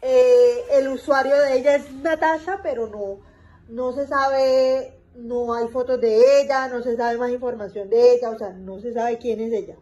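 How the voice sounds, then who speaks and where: A woman's voice: fairly high pitch, steady tone, unhurried, mellow, faint music behind, rough recording. A young woman vlogging in character as a pregnant vampire mom, retelling events chattily with lots of fillers and repeats. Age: young adult. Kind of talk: in-character vlog storytelling.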